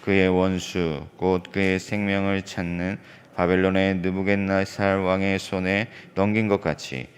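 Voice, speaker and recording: A man reads scripture aloud in church with a very deep, unusually smooth and resonant voice. His recitation is solemn and measured, and its tone stays flat and even from line to line. He moves through the passage at a steady rate. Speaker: scripture reader. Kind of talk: solemn Bible reading.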